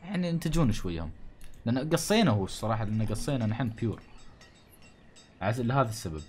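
A man's voice: medium pitch, sing-song, fast, a little mellow. A man with a Gulf Arabic accent giving casual gameplay commentary, thinking aloud and grumbling jokingly at the game's townsfolk. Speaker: gaming channel host. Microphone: studio condenser mic.

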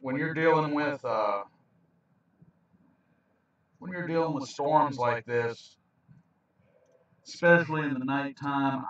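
In an informal video, a man who chases storms explains weather radar in a mid-range, slightly bright voice. The recording is from a handheld camera held away from his mouth, so it sounds roomy, dull and distant.

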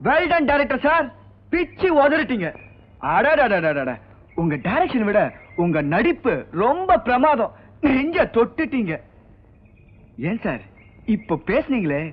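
A man's voice: very high voice, very animated, a little slow, pauses often, heavily acted. An actor playing a brash, defiant young man who argues sarcastically in 1980s film dialogue. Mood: mocking. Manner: sarcastic, confrontational. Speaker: film hero, a young singer. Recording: dull old film soundtrack.

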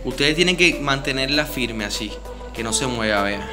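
A man's voice: mid-range voice, lively intonation, normal speed. Man with a Venezuelan accent guiding a ritual. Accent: Venezuelan Spanish. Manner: repetitive, directly instructing viewers. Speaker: spiritist ritual guide. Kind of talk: step-by-step ritual demonstration. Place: indoor room with a home altar. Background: music.

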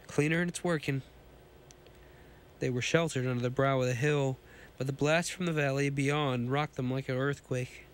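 Hoarse from a cold, this man hosts a podcast and reads pulp science fiction aloud, tripping over words and restarting lines often. His voice sits on the high side.

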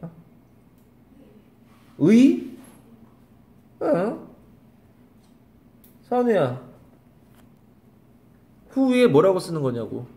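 A man's voice: high voice, huge pitch swings, extremely slow, pauses often, dark tone. A man teaching an English grammar lesson to a class, calling on students by name, repeating questions and scolding them. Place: small classroom.

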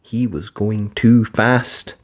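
The narrator takes it slowly, telling a children's picture book story expressively in a mid-range voice.

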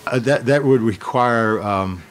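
A middle-aged man, a head basketball coach, answering questions at a post-game press conference in a measured way, often repeating words as he restarts, speaking into a desk microphone. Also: medium pitch, a little hiss or hum. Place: press room in front of a sponsor backdrop. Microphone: desk microphone on a stand.

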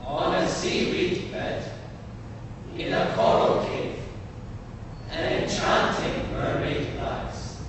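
A man reciting poetry for choral speaking, theatrical, with deliberate phrasing. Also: fairly high pitch, steady tone. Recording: echoey hall, far mic, noisy.

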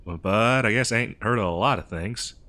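In an improvised comedy audio roleplay, a man plays a dim, good-natured cowboy mail rider, rambling hesitantly in an American cowboy drawl. He's chatty, sheepish, folksy, and slow-witted. His voice is on the low side, bright, and forceful.

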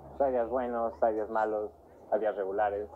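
A man's voice: on the low side, fairly even intonation, fairly quick, phone-quality sound, slight background noise, lightly acted. An actor with a Mexican accent playing a guarded, hurt young man who performs as a street clown in a TV drama. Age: young adult.

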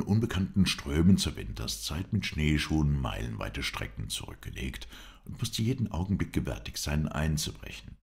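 A man narrating an adventure novel as an audiobook, in an even storytelling manner. His voice sits extremely low and is gravelly, yet his intonation rises and falls in a lively way. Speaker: audiobook reader.

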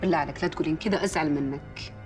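An actress playing a sympathetic friend who offers comfort, speaking. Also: female voice, low voice, rapid-fire, a little mellow, faint music behind, lightly acted. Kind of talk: TV drama acting.

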